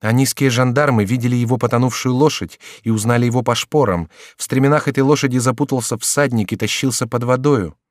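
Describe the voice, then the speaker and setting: A man's voice: medium pitch, fast talker, few pauses, dry recording, studio quality, voice pushed up, close to an everyday voice. A man reading the part of an earnest young French nobleman in an audiobook. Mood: grave.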